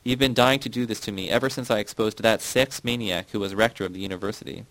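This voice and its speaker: A man's voice: lowish voice, a little fast, no room sound, close to an everyday voice, low-quality recording. A man voicing a proud, volatile woman boss who screeches and pleads. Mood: furious. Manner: screeching, sobbing.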